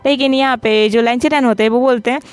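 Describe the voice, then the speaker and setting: A woman's voice: a little high, steady tone, fast talker, clear, resonant tone. A woman casually retelling a drama scene by scene, reading each character's lines aloud in her own everyday voice. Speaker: drama recap narrator. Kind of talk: casual storytelling recap.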